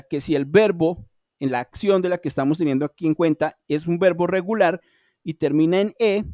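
A man with Spanish as his first language, teaching English in an online class. He walks through each rule patiently, speaking directly to his students. His voice sits a little high, and the sound is close and dry with no room around it. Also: warm tone, dry recording.

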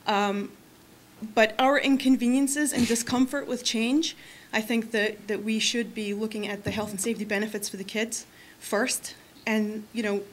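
In a large meeting room, a woman in her forties gives public comment at a school board meeting through a podium microphone, earnest and full of fillers and restarts. Her voice is fairly high with fairly even intonation, and she speaks at a moderate pace. The recording is low quality.

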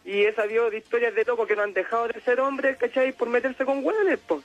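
Un hombre con acento chileno que llama a la radio y cuenta una historia personal con mucha jerga, divagando y riéndose seguido. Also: male voice, very high-pitched, steady tone, a little fast, highs cut off. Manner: slangy, rambling, laughs often. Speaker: caller. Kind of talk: telling a personal story on call-in radio.

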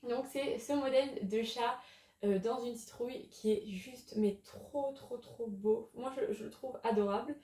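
Chatty woman, warm voice, echoey room. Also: a little high, unhurried. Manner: chatty, hesitant with frequent fillers. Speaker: crochet YouTuber. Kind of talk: casual chat.

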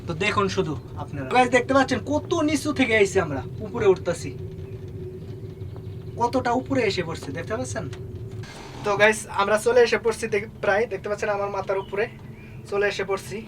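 Young male travel vlogger, Bangladeshi Bengali accent, high-ish voice, chatty and repetitive, noisy outdoor phone audio. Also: brisk. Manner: chatty, repetitive, keeps addressing viewers as guys. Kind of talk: casual travel vlog narration. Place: outdoors on a hilltop site, in the rain.

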